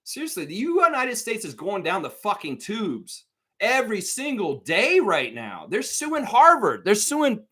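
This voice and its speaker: A man's voice: high-pitched, huge pitch swings, a little slow, bright, forceful tone, husky. A man hosting a live sports talk stream, ranting heatedly and swearing a lot while speaking straight to his viewers. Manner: profane, heated, repetitive ranting; addresses viewers directly.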